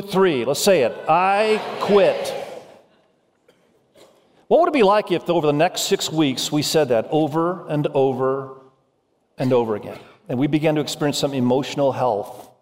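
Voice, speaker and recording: Man preaching in a reverberant church hall. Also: a little high. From Indonesia. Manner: animated preaching, urging the congregation. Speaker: pastor. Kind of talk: sermon.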